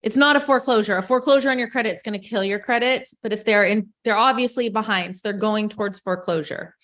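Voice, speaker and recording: Woman coach on a video call, casual and chatty, middle pitch. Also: fast, a bit bright. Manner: chatty, loose and self-correcting, talks to the group directly. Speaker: real estate coach leading a group call.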